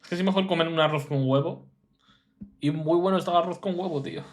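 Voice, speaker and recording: A man's voice: a little high, fast talker. Blunt Spanish man reacting. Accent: Spain Spanish. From Spain. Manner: blunt, incredulous, slangy remarks. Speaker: reaction streamer. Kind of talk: casual reaction commentary.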